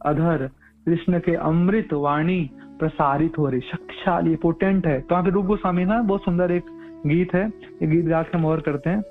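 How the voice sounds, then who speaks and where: Guy giving a devotional sermon, earnest storyteller, repeats himself a lot, high voice, faint music in the back. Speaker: preacher. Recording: tinny phone-like audio with faint music.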